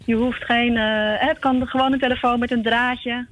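A woman heard over a telephone line, a guest explaining her group's work in a calm way with frequent pauses. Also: a little high. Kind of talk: radio phone-in interview.

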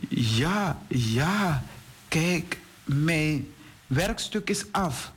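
A man's voice: a little high, lively intonation, very slow. A man voicing an honest, cautious young schoolboy in a children's story, with plain, earnest reading. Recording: faint hiss on radio recording.

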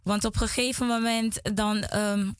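A woman's voice: on the high side, level tone, moderate pace, smooth, no room sound. A woman guest in a small studio giving an emotional religious testimony, earnest and repeating words as she talks.

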